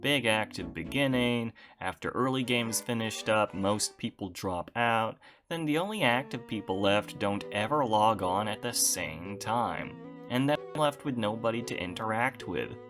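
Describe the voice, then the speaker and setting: A man's voice: on the low side, animated, measured pace, few pauses, music in the background. A young man giving a casual channel update to his viewers, wry and self-deprecating, with dry understatement.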